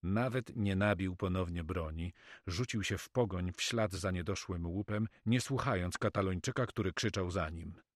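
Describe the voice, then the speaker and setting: A man narrating an adventure story as an audiobook reader, with steady storytelling delivery. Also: deep voice, normal speed, dry recording, clean studio sound.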